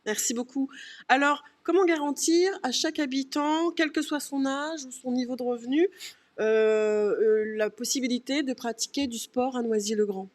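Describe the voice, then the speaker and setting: Higher-voiced woman hosting a talk show. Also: normal speed. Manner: formal, questioning. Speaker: host. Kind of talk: political discussion show.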